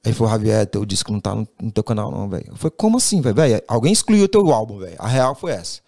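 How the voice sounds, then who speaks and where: Fast-talking man telling a story. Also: fairly low pitch, creaky. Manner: animated, acts out quoted dialogue, says "velho" constantly. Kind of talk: casual storytelling.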